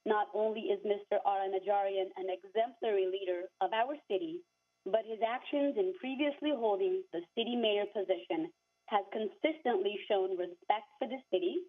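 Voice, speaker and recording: A woman's voice: medium pitch, normal speed. A woman calling in over a phone line to a council meeting, reading a formal, earnest prepared comment. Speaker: public comment caller.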